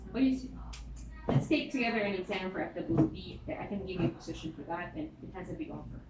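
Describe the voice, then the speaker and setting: A woman's voice: medium pitch, expressive, fast talker. A woman in her thirties with a Filipino accent, interviewing someone in a casual, chatty and directive way. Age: 30s. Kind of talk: casual job interview chat. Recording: echoey noisy room.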